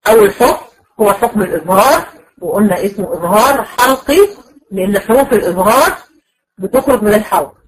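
A woman's voice: mid-range voice, lively intonation, breathy edge, rough recording. Patient Egyptian woman teacher. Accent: Egyptian Arabic. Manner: patient and explanatory, drawing out example words slowly. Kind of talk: recorded lecture to a class.

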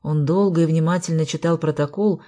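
A woman reading a novel aloud in an even, measured narration. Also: deep voice. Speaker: audiobook narrator. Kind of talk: scripted narration.

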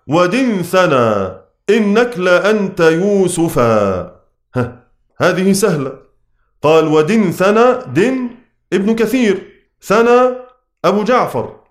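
A man with an Egyptian accent teaching the Quran readings. He chants lines of verse slowly, then explains them quickly in colloquial speech and quizzes his students. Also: on the high side. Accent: Egyptian Arabic.

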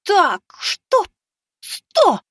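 Guy doing a squeaky lisping little girl, yelling mad, all over the place. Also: huge pitch swings, extremely slow, no room sound, studio quality, full character voice. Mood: angry. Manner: shrill, shouting insults. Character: lisping hot-tempered schoolgirl, young, easily flustered.

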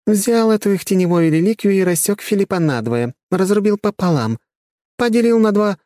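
Man doing a haughty young noblewoman, raised pitch, bored drawl, disdainful, dry close audiobook sound. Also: brisk, a little mellow, no room sound, lightly acted. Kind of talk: audiobook character voice.

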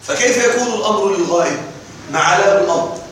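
A man's voice: sits high, racing, a bit bright. A man teaching a classroom lesson on grammar verse, explaining step by step and often checking that the class is following. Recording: echoey room, distant mic, faint noise.

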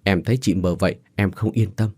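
A man's voice: low-pitched, steady tone, brisk, a little mellow, slightly rough, no echo, clean studio sound. A man voicing a scheming sweet-talking young woman. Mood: coaxing.

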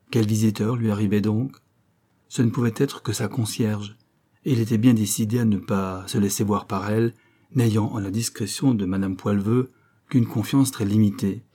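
A man narrating a novel as an audiobook in measured, scripted storytelling. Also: lowish voice, warm tone, husky.

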